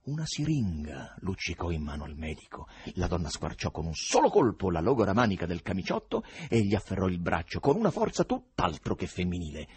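A man narrating an audiobook in an expressive storytelling manner, with a husky voice. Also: low voice, no room sound. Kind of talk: scripted narration.

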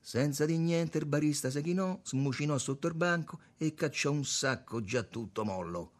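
A man reading a novel aloud with expressive storytelling. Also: a little high, normal speed. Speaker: narrator.

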